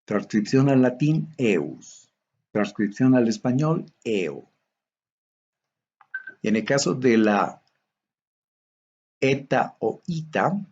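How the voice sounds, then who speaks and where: A man from Bolivia giving a recorded theology lecture, going methodically through tables of Greek letters in a slow, measured way. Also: on the low side, darkish tone, slightly rough, lo-fi sound.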